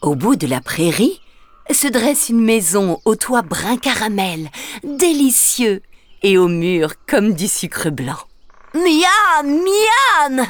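A woman narrating a children's audiobook in an expressive, sing-song way. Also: medium pitch, slow. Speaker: storyteller.

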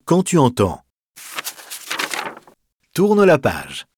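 A man reading a children's picture book aloud in an expressive, deliberate way. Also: medium pitch, a little hiss or hum. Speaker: storyteller.

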